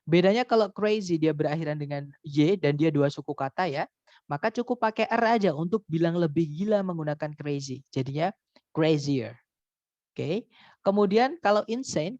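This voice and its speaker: A man with a voice on the high side and a bit of mellowness gives a recorded online English grammar lesson. He explains with patience, repeats key ideas, and says "teman-teman" a lot. The sound is echo-free, dry, and a little dull.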